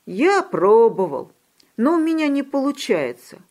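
A woman voicing a small, eager young male kid goat in a children's storybook, with a high, excited, childlike voice. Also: measured pace. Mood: pleading.

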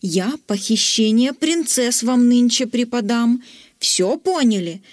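A woman's voice: fairly high pitch, expressive, takes it slowly, dry recording, studio quality. A woman voicing a strict, commanding female teacher at a dragon school in a storybook, drilling her class. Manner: bossy, drilling instructions.

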